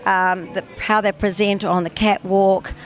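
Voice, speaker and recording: A woman with a medium-pitched voice reflects as a pageant judge in an interview, with faint music behind her. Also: level tone, a little slow.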